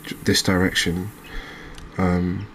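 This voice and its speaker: A gaming video host gives relaxed ASMR commentary over a fishing video game, chatting with viewers and often checking in with tag questions. His voice is low-pitched and slow, with a bit of hiss or hum.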